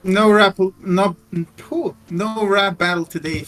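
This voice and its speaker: A man's voice: high voice, slow, fairly bright tone, rough recording. A man co-streaming a game, joking and sarcastic in casual chat. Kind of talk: casual game playthrough commentary.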